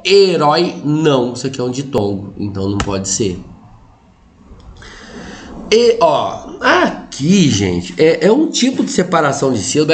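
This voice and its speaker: Man, Brazilian accent, grammar teacher, explanatory, joking asides, animated pitch. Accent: Brazilian Portuguese. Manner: explanatory, lively, jokes with students, frequent "tá?" and "ó". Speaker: Portuguese teacher. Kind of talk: exam-prep grammar lesson.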